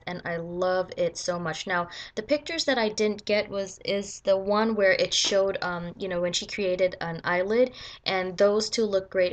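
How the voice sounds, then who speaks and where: A woman narrating her makeup looks in a casual voice-over, relaxed and hesitant with frequent ums. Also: mid-range voice. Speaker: makeup vlogger.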